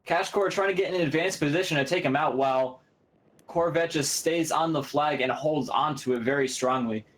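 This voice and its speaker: Energetic man calling a video game match. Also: on the high side. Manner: quick, energetic, laughs easily. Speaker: esports commentator. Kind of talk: live play-by-play commentary. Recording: game gunfire loud in the background.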